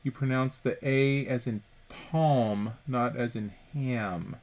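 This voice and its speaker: A man's voice: medium pitch, slow, darkish tone. A man chatting casually at home as he builds a Lego set, rambling and correcting himself as he goes. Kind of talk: casual chat while building. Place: home room.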